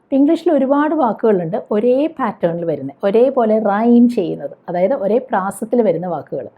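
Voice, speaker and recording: A woman's voice: medium pitch, lively intonation, a little fast. A woman teaching spoken English, explaining patiently, spelling words out letter by letter and asking the viewer questions. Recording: dull lo-fi recording.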